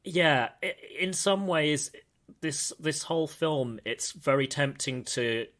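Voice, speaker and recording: A man hosting a film podcast in casual chat, halting and restarting, with animated asides. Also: fairly high pitch. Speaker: podcast host.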